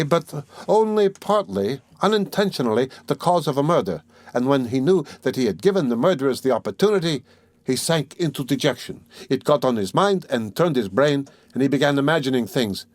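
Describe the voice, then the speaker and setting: A man's voice: mid-range voice, no echo, lightly acted. A man voicing a sly, genial middle-aged examining lawyer who talks in a fussy, teasing way, in an audiobook reading.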